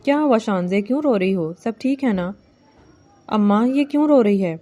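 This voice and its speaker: Woman reading a shy young bride, soft and pleading, fairly high warm voice. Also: lively intonation. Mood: timid. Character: timid young bride, gentle and eager. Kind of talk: novel reading.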